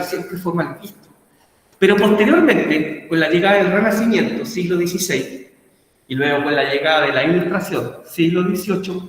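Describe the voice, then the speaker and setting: A Chilean man teaching a philosophy class online, often checking in with the students and asking them questions. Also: high-pitched. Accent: Chilean Spanish. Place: class video call. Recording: very echoey room with long reverb.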